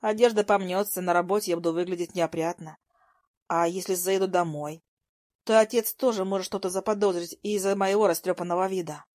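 A young woman narrating a first-person story in a soft, even storytelling voice. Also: lowish voice, brisk, no echo, studio quality.

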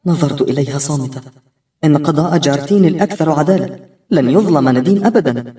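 A man reading an audiobook as a first-person narrator, expressive and tense. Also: a little high, quick pace. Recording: roomy, distant-miked recording.

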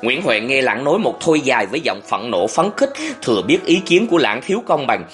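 An audiobook narrator reading a historical novel in a steady, measured way. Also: medium pitch, soft background music.

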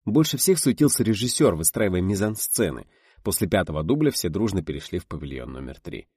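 A man's voice: deep voice, very animated, fairly quick, warm tone, slightly rough, dry recording, clean studio sound. A man narrating an audiobook, reading expressively and voicing the characters.

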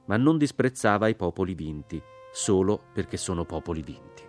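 Man with a low voice reading a novel, soft music under it, dry and deliberate. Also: expressive. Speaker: audiobook reader. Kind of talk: literary audiobook narration.

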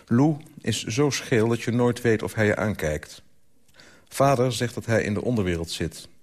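An author reading his own literary story aloud for radio, in a calm, measured way. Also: on the low side.

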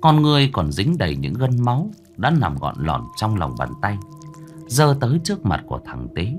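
A man narrating a horror story in a dramatic, suspenseful manner, slowing down for tense moments. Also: on the low side, big pitch swings. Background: soft background music.

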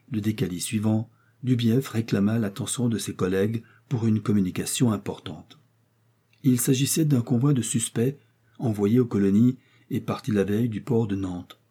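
A man reads a literary story aloud in a low, mellow voice. His tone has a husky edge. The narration is measured and even. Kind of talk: audiobook reading of a literary story.

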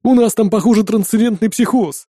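A man voicing a flustered, portly middle-aged policeman giving a hurried report in an audiobook. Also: sits high, mellow, dry recording, studio quality, voice pushed up. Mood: briefing.

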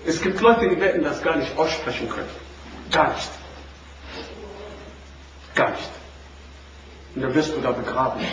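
A man preaching to a seated audience in a high voice, swinging from loud questions to quiet, low lines. He is heard from far off in a strongly echoing room. A faint noise runs underneath. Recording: echoey room recording from far off.

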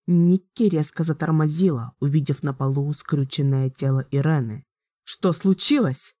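Low-voiced woman reading an audiobook. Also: steady tone, moderate pace, mellow, dry recording, studio quality. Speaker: audiobook narrator. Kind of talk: scripted narration.

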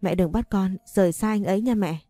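A woman's voice: mid-range voice, a little fast, dark tone, no room sound, studio quality, faint music behind, natural voice. A woman voicing a young wife who begs and stammers through tears in a storybook reading. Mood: tearful. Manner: stammering, begging. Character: young wife, tearful and pleading.

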